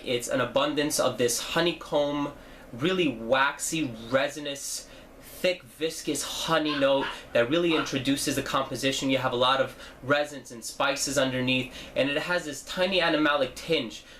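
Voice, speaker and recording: A young man with a head cold chats through his casual fragrance reviews, dropping lots of fillers and correcting himself as he goes. He's from New Jersey, with a mid-range, slightly bright voice at a measured pace, and some light background noise is audible.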